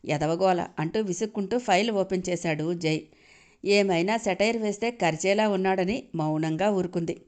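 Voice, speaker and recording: A woman storyteller giving an expressive scripted narration of a serial audio drama and reading all the parts. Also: medium pitch, moderate pace.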